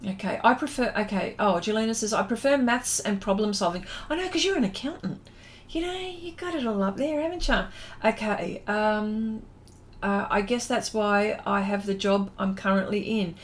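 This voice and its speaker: At a moderate pace and in a mid-range voice, a middle-aged Australian woman chats on her livestream, where she's the host and an artist. She reads viewer comments aloud and replies, tending to ramble and trail off.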